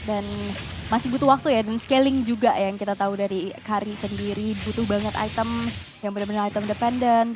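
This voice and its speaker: A woman with an Indonesian accent commentating as an esports caster, narrating the play urgently in long running sentences. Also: a little high. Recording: music behind the voice.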